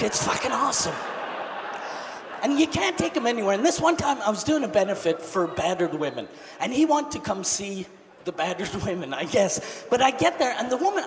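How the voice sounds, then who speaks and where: Field: stand-up comedian. Sex: man. Pitch: high, lively. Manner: crude, shouting. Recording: live hall. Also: creaky. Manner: loud, crude, swings between shouting and muttering asides. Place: large theater at a comedy festival. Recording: live hall with reverb, audience noise.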